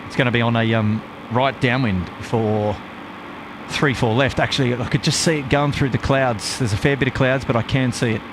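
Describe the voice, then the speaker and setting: A male live stream host gives casual commentary in a mid-pitched voice. He rambles in a matey, hesitant way over clearly noisy outdoor audio. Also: steady tone, normal speed.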